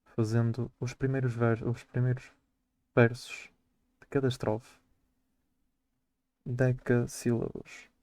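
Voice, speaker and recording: Teen boy, school poem analysis, monotone and mellow, dry close sound. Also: mid-range voice, takes it slowly, long pauses, no echo. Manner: flat, careful reading with hesitant restarts. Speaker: student presenting a poem. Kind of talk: poetry reading and school analysis.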